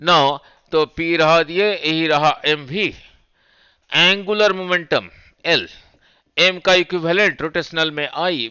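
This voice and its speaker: Hindi physics teacher drilling students. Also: male voice, a little high, pushed and bright, smooth, dry recording, muffled recording. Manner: mixes Hindi with English terms, quizzes students with repeated checks. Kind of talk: fast exam revision lecture.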